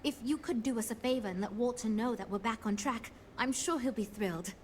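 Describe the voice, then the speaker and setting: An actress playing an earnest, diplomatic woman who leads a design team, speaking in a measured, businesslike way in a video game. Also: fairly high pitch, a little mellow, slight background noise, lightly acted. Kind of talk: scripted game dialogue.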